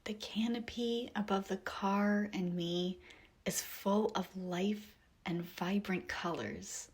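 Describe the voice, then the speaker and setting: Gentle and soothing, a medium-pitched female voice leads a guided meditation visualization in a soft, breathy whisper. She leaves long pauses.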